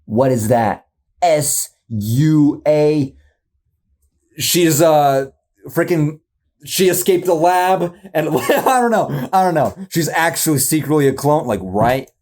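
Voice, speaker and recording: A man in casual reaction commentary, rambling and slangy, excitable and poking fun at himself. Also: fairly high pitch, a little slow. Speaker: YouTube reactor.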